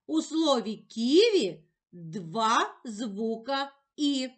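A woman teaches young children in a very slow, carefully articulated voice. She sits fairly high in pitch and lifts her intonation in a lively, sing-song way, stretching out each word she wants heard. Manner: drawn-out, sing-song emphasis on words and sounds.

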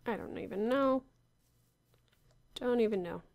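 A woman's voice: a little high, measured pace, a little mellow. A woman casually talking to herself while playing a block-building game, unsure and wry, muttering about where she is. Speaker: Minecraft player. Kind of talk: casual gameplay commentary.

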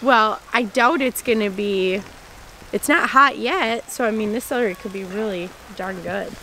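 A woman in her thirties chatting casually on a homestead vlog, outdoors in the garden, easily excited and quick to laugh. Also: mid-range voice, slight background noise. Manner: excitable, gasping and laughing at surprises. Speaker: homesteading vlogger. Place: outdoors in a rainy farm garden. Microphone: handheld camera mic.

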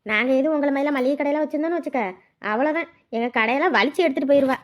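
A woman playing a village housewife in a comedy sketch, rapidly griping about her in-laws to a neighbour. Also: sits high, close to an everyday voice. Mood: gossipy. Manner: rapid gossipy complaining.

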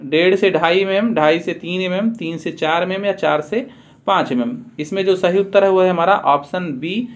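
A man teaching a trade quiz, reading out each question and its options, then giving the answer with a careful explanation. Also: high voice. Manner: methodical, repeats each answer with a Hindi explanation. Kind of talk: quiz-style lesson, reading questions aloud.

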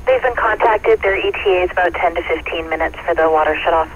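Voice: mid-range voice, fast talker. A fire dispatcher speaking procedurally in terse police radio style over a two-way radio. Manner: procedural, repeats messages back. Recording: muffled, noisy two-way radio transmission.

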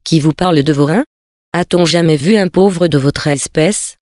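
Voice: medium pitch, moderate pace, a little mellow, no room sound, natural voice. A stern, stingy lady scolds sharply and impatiently. A reader voices her in a storybook reading, with a dry, close sound and no room around it. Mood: scolding. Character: stern, stingy stout city lady, easily indignant.

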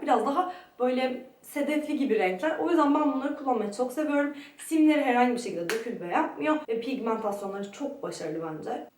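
A young woman talks her way through a detailed makeup product review in a casual, chatty manner, her slightly high voice bouncing around a small, hot room. The room echoes strongly, and she sits some way back from the mic. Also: a little mellow, distant mic. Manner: chatty, detailed, describing items up close. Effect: strong room echo. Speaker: beauty vlogger. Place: small sunny room in a friend's home, indoors, very hot.

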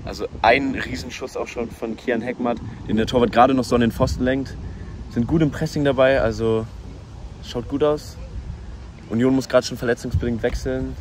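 A man giving informal, partisan pitchside match updates in short clipped phrases, recorded outdoors at a football ground. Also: steady tone, moderate pace, a little hiss or hum. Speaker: vlogger commentating on a youth football match.

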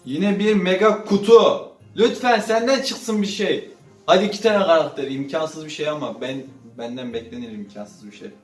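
A man doing casual gaming commentary as he opens loot boxes, swinging between low muttering and sudden loud outbursts. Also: normal speed, far from the mic. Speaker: gaming channel host. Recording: roomy sound from off-mic with faint music.

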